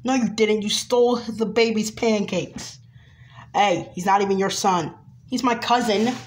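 Slow, hesitant woman voicing toy figures. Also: medium pitch, steady tone, a little hiss or hum. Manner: rambling and hesitant, many pauses and restarts. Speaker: toy video creator voicing all characters. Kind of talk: improvised toy play with figures.

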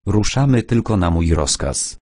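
A man's voice: sits low, very animated, measured pace, a little mellow, no room sound, clean studio sound, full character voice. A man voicing a harsh army sergeant who gives curt, crude orders during a night raid in an audiobook. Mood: stern, hushed. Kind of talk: audiobook character voice.

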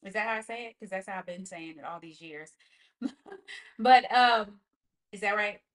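A woman with a mid-range voice hosts a casual online team talk over video call, interviewing at a moderate pace. Her delivery is effusive and emphatic.

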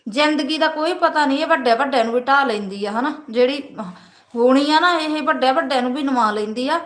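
A woman's voice: high-pitched, a little fast, fairly bright tone, reverberant. A woman with a Punjabi Malwa accent, hosting a casual motivational live stream, talking earnestly and often asking her viewers "right?".

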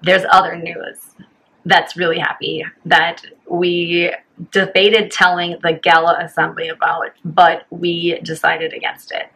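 A woman co-hosting a vlog in casual chat, hoarse after losing her voice and explaining things frankly. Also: lowish voice, flat delivery, measured pace, a bit bright, low-quality recording. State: hoarse, lost voice. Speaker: channel co-host.

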